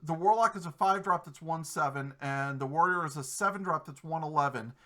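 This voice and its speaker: A podcast host with a high-pitched, bright, forward voice leads a casual gaming chat at a fairly quick pace over a desktop mic. He's chatty and friendly, rambling loosely with lots of fillers, restarts and self-interruptions.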